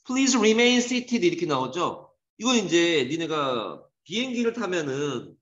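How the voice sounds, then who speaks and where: A man teaching an English grammar lesson to a class, lively and teasing, scolding students. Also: sits high. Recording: dull echoey classroom recording.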